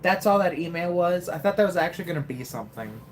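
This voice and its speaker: A man's voice: fairly high pitch, animated, fast, a little hiss or hum. A man commentating his own gameplay on a live stream, joking and talking directly to his chat. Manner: chatty, joking, talks to chat. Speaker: game streamer.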